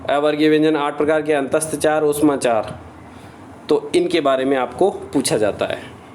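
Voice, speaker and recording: A man's voice: a little high, steady tone, normal speed, a little mellow, slight background noise. A man teaching a grammar lesson, reciting lists of letters in a drilling rhythm and answering his own questions.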